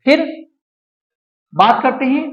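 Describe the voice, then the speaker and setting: A man teaching English pronunciation as a spoken lesson, repeating each word slowly several times and asking and answering his own questions. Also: very high voice, lively intonation, dull audio.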